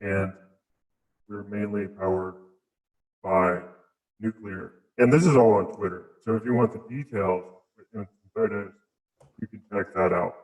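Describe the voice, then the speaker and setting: A man being interviewed as a mining operator, speaking through a voice scrambler in a hesitant, halting way with many restarts. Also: lowish voice, roomy sound, low-quality recording. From Southeast United States. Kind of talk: casual interview.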